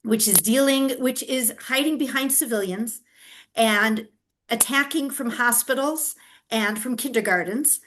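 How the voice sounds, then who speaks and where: This activist guest is an older woman and grandmother whose first language isn't Hebrew, speaking in a somewhat high, slightly bright, unhurried voice over a faint hiss or hum. She answers the interviewer earnestly and explanatorily, often restarting and using fillers.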